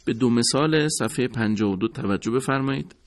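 A man teaching Quran recitation rules in a measured, formal way, repeating each rule. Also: mid-range voice. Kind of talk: recorded tajwid lesson.

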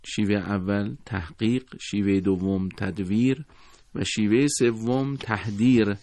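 A man teaching a recorded lesson on Quran recitation, speaking in a formal, courteous and measured way. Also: on the low side, fairly even intonation, a little mellow, no room sound.

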